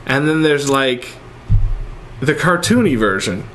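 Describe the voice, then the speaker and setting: A man in his thirties co-hosts an entertainment show, chatting casually about video games in a noisy room. His mid-range voice is expressive and a bit bright, and he speaks a little slowly.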